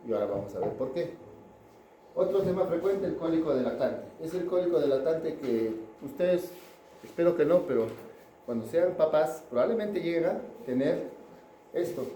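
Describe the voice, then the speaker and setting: A man's voice: on the high side, animated, normal speed, mellow, slight background noise. Chatty male pediatrics lecturer in echoey room. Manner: chatty, asks the class questions, tags "¿no?". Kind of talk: classroom lecture. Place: classroom.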